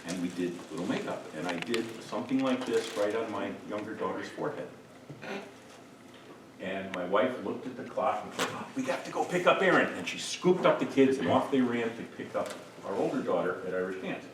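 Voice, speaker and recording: A middle-aged man instructing a group in a hands-on demonstration, relaxed and joking as he works. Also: fairly low pitch, brisk. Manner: relaxed, jokey, talks while working. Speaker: first aid instructor. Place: room with participants. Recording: echoey room, distant mic, noisy.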